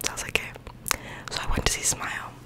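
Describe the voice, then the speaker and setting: A young adult woman speaks in an intimate whisper close to the microphone, rambling casually in an ASMR style. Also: racing. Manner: rambling, informal, full of "like". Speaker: ASMR creator. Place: small bedroom, indoors. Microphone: large microphone with foam cover, very close.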